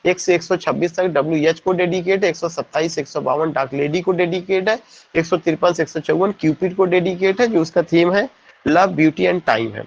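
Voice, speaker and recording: A man's voice: on the high side, normal speed, gravelly, muffled recording. Man lecturing in Hindi-English mix. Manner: explains in Hindi mixed with English, rhetorical questions. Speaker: teacher. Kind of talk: exam-prep lecture.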